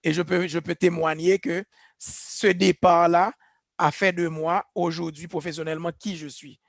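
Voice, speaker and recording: A man's voice: a little high, flat delivery, moderate pace, creaky, no room sound, studio quality. A man, a church leader giving an earnest, reflective personal testimony about leadership. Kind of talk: speaking on leadership. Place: church gathering.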